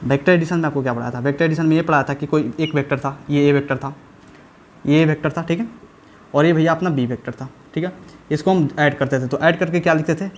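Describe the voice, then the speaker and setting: A man teaching a physics lesson in a chatty, colloquial way, often pausing to ask whether the students follow. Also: on the high side, fairly even intonation, a little hiss or hum. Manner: repeats checks for understanding, chatty and colloquial. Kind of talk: classroom lecture at a whiteboard.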